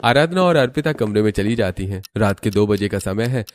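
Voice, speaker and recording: Deep-voiced male story narrator. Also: animated, a little fast.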